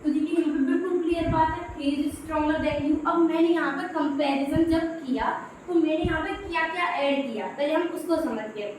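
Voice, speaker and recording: A woman's voice: very high voice, a little fast, darkish tone. A woman teaching English grammar in Hindi, explaining step by step in a patient classroom manner. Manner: explains step by step, repeating "dekhiye". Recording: very echoey room, faint background noise.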